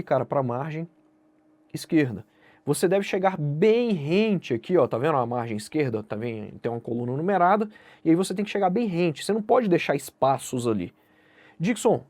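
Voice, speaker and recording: Lively Brazilian man teaching exam rules. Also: on the high side, dry recording. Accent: Brazilian Portuguese. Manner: direct, addresses viewer casually, asks and answers own questions. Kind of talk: online lesson explaining essay grading.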